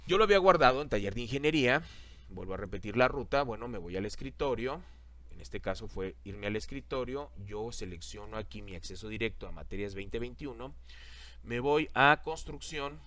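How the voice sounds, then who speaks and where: A man teaching a software lesson over a screen recording, talking the class through each click and repeating the steps. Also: medium pitch, dry recording.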